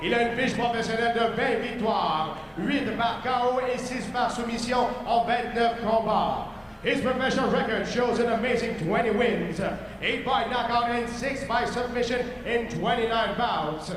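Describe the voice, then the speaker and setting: A man working as a bilingual ring announcer, hyping the fight like a brash promoter with drawn-out introductions. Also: very high voice. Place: large indoor fight arena. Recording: echoing arena PA, loud crowd noise. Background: crowd.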